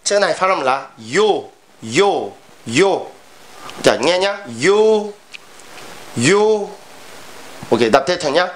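A man's voice: high-pitched, lively intonation, moderate pace, fairly bright tone, slight background noise. Korean-accented man teaching sounds. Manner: drills sounds with repeated modeling. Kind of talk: classroom pronunciation lesson.

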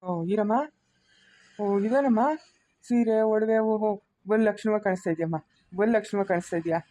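A woman playing an elderly, weary village brother with a rural Karnataka accent, speaking softly and sorrowfully in a family skit. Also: mid-range voice, fairly even intonation, moderate pace, dry recording, close to an everyday voice. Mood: touched. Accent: rural Karnataka Kannada.

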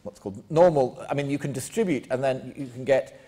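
An older man answers a question at a lecture with a mellow, relaxed voice. He talks haltingly, restarting words and filling pauses as he thinks. It sounds like a large lecture room picked up by a room mic. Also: mid-range voice. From England. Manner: hesitant, many restarts and fillers. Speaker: philosophy lecturer. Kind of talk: academic Q&A answer.

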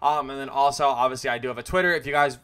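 A young man who runs a gaming YouTube channel talks casually through a video game tutorial, chatty and full of fillers and self-corrections, all while he has the hiccups. His voice is medium in pitch, very fast, smooth, and fairly bright in tone.

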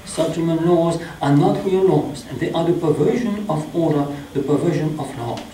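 A middle-aged man with a French accent, a priest reading a sermon slowly and in a measured way in a small chapel. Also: on the high side, warm tone, slight background noise. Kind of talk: sermon read from notes. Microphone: stand mic. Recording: echoey chapel, mic at a distance.

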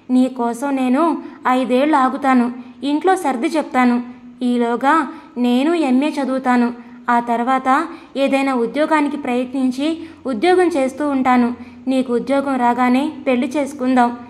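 A woman's voice: high voice, steady tone, moderate pace, close to an everyday voice. A woman voicing an anxious young woman in love, pleading earnestly.

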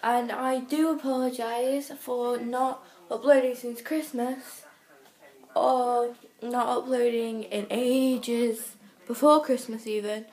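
A teenage girl rambles casually into her phone camera, self-conscious and chatty. Her voice sits a bit high. The phone audio sounds echoey, as if the room is bouncing it back. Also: little pitch movement, takes it slowly, darkish tone. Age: teens. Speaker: vlogger. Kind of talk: casual vlog talk to camera. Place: home rooms, then restaurant and bathroom. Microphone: phone held at arm's length.

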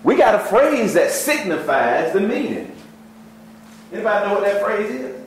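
A man with a drawl leads a church Bible study, his voice rising and falling with lively swings. He reads scripture slowly and tosses questions to the class, and his voice rings through an echoey church room. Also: high voice, slight background noise.

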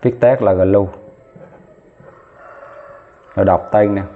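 Speaking slowly with a fairly low, fairly even voice, this chemistry teacher narrates while writing on a whiteboard. He counts out loud and fixes his own mistakes partway through, and the recording sounds tinny, like a phone.

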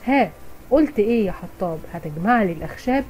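A woman's voice: medium pitch, animated, fast talker, darkish tone, a little hiss or hum, natural voice. A woman with an Egyptian Arabic accent voicing a rich, mysterious, commanding male merchant in a children's storybook tale. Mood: pressing.

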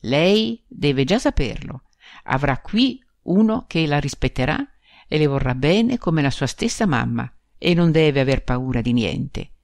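Shy, downcast middle-aged groom in a storybook reading, a woman narrator putting him on, quiet and gentle. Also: low-pitched, very animated, a little slow, no echo, clean studio sound, full character voice. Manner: timid, gentle, then gloomy. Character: timid, saddened bridegroom, middle-aged man.

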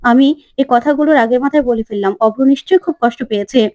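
A woman doing a sharp-tongued aunt who talks back with pointed reproach. The voice is high and mellow, and the sound is dry. She is part of a spoken retelling of a serial. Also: quick pace, no echo, natural voice. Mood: reproachful. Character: sharp-tongued aunt defending the poor daughter-in-law.

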